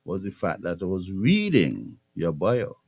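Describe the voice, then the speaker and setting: Male radio host, Kittitian accent, lowish voice, conversational interviewing, dry close studio sound. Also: huge pitch swings, a little slow, a little mellow, dry recording.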